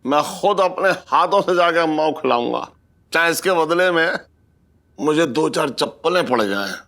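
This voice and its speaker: A man's voice: on the high side, expressive, moderate pace, a bit bright, a little hiss or hum. A man playing a boisterous father in a TV sitcom, coaxing with sing-song laughs. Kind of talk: TV sitcom acting.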